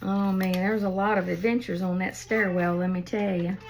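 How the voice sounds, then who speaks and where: Folksy woman with a gravelly voice. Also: mid-range voice, expressive, unhurried, slight background noise. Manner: folksy, chatty, laughs at her own stories. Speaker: craft vlogger. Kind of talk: casual storytelling and craft demo.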